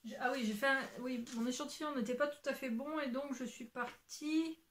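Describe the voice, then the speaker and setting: A young woman who hosts a knitting podcast chats casually at home in front of shelves, showing her knitting to the camera. Her high-sitting voice moves at a moderate pace over slight background noise, and she rambles with many fillers and self-corrections, occasionally swearing and then apologizing.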